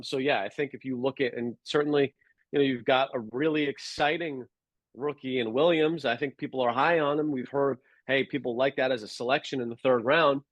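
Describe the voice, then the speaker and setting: Man, podcast guest, measured sports analysis, lots of uh and restarts, dry close-miked sound. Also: medium pitch, dry recording, low-quality recording. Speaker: guest sports radio producer. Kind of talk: casual sports podcast chat.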